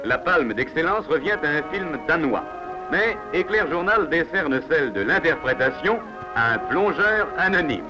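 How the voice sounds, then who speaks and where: A man's voice: on the high side, animated, moderate pace. A man reading scripted 1950s newsreel narration in a formal, declamatory announcer's manner. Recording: dull 1950s film soundtrack. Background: loud background music.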